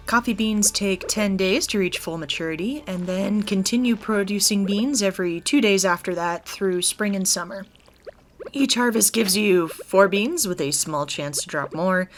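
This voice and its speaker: A woman with a medium-pitched voice speaks at a moderate pace while hosting a gaming video. Her let's play commentary is casual, chatty, and explanatory. Game music plays beneath her voice.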